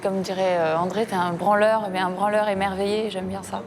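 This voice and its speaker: A woman's voice: medium pitch, level tone, a little fast, vocal fry, crowd noise. A woman serving as a talent show judge, questioning a contestant and giving a friendly, laughing verdict. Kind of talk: interviewing and judging. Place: audition room.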